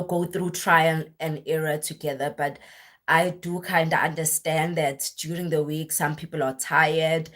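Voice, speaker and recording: This young woman's husky, deep voice is worn lower than normal after a weekend of singing in church. She talks casually and at length on a live stream, rambling, correcting herself, and leaning heavily on fillers and restarts.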